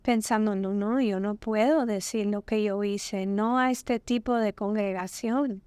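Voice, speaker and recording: A woman's voice: medium pitch, fairly even intonation, a little slow, darkish tone, clear, resonant tone, dry recording. A woman sharing a personal testimony as a podcast guest, telling the story vividly and acting out the dialogue. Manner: vivid, acts out quoted dialogue. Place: podcast studio.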